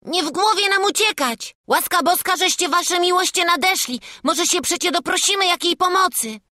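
A cheeky brave little village boy, high and bright, always talking back. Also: no echo, studio quality. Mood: pleading. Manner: bold, pleading, quick to protest. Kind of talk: audiobook character voice.

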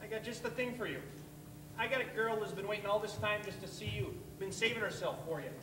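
A noisy, reverberant stage recording of a deadpan blues musician, acted by a man. He gives high-pitched, matter-of-fact patter, coaxing like a salesman. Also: fast talker, lightly acted. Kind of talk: amateur stage play acting. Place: theatre stage, camera far off. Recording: distant echoey hall, clear noise.

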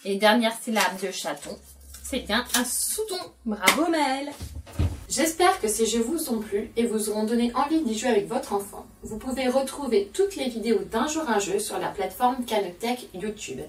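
A woman's voice: a little high, lively intonation, moderate pace, far from the mic, slight background noise. A woman educator explains a syllable game to parents and plays it patiently with a young child, praising often. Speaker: educator presenting a learning game.

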